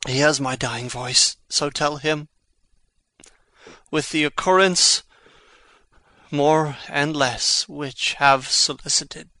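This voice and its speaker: An actor playing a dying, noble young prince in Shakespearean tragedy, speaking in a faint, labored deathbed voice. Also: male voice, on the high side, steady tone, slow pace, pauses often, sharp tone, no echo, exaggerated voice. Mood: fading, resigned. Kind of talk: Shakespearean tragedy audio acting.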